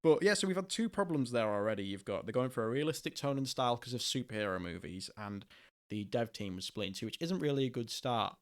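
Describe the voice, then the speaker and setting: A man's voice: mid-range voice, lively intonation, quick pace. A young man hosting a podcast, chatting casually, laughing often and rambling through asides. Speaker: podcast host.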